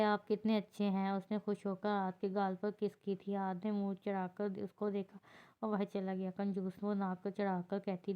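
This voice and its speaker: Smooth-voiced woman reading a novel aloud. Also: mid-range voice. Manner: steady, unhurried narration with occasional slips. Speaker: novel reader. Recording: dull lo-fi recording.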